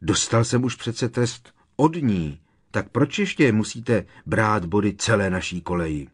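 A man's voice: sits low, husky. A man voicing a defiant, hot-tempered teenage boy who protests in a sarcastic, indignant way.

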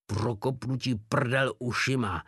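A man's voice: mid-range voice, steady tone, fairly bright tone, breathy edge, dry recording, clean studio sound. A man voicing a brutish male gang boss who rages and spits out threats through gritted teeth. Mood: menacing.

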